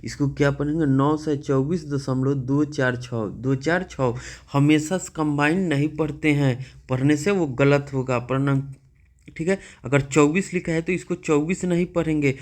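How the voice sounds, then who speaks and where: This man teaches math in a slightly high, slightly mellow voice, at normal speed with fairly even intonation. Patient throughout, he asks questions and frequently checks in by saying "okay".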